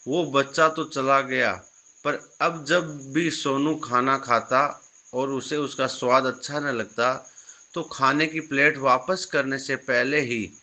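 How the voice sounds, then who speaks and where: Male storyteller, calm and measured, slow delivery, bright tone. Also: mid-range voice. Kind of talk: scripted moral story narration.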